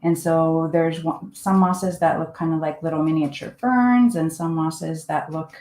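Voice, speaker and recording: A Finnish art teacher paints at her home desk and talks her online class through the demonstration in a relaxed, chatty way, thinking aloud as she goes. Her fairly low voice moves at a measured pace. A roomy echo surrounds the live-class recording.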